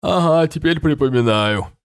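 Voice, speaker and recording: A man's voice: mid-range voice, lively intonation, moderate pace, natural voice. A man voicing a grumpy, drowsy fairy king who speaks in an irritable, drawling way.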